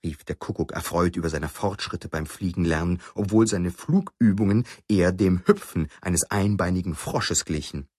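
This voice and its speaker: Deep, husky-voiced male storyteller. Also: moderate pace, few pauses, no echo, studio quality. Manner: expressive, storytelling. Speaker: narrator. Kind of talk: scripted storybook narration.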